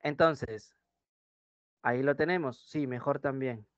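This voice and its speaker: A man with a Peruvian accent teaching a grammar class online, reading example sentences slowly and loudly, then dropping to quiet asides. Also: medium pitch, no room sound. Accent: Peruvian Spanish. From Peru. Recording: dull dry lo-fi sound.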